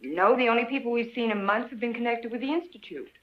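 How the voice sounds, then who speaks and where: An actress playing an anxious, easily affronted wife in a 1950s film drama. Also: female voice, fairly high pitch, fast, lightly acted. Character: anxious, indignant wife of missing man. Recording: muffled, echoey, faintly noisy old film.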